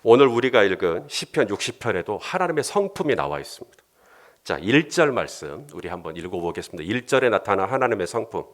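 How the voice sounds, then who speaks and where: A male pastor preaching a sermon in an animated way, often acting out bits of dialogue. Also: fairly low pitch, fast talker.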